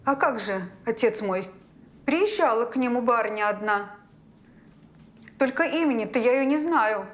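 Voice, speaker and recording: A woman's voice: a little high, animated, normal speed, pauses often, lightly acted. An actress playing a plain-spoken, hesitant servant woman in a period detective series. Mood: wary, recollecting. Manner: folksy, hesitant.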